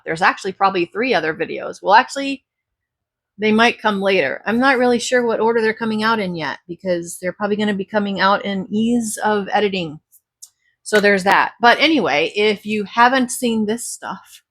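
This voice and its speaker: A woman reselling thrifted clothes, chatting casually and rambling through a haul video, her voice a bit raspy from talking all day. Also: medium pitch, no room sound. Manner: chatty, rambling, self-correcting. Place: at home beside a pile of clothes.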